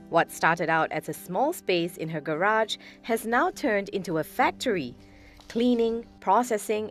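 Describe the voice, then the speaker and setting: A woman reporter giving polished scripted narration for a travel documentary. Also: mid-range voice. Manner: lively, polished.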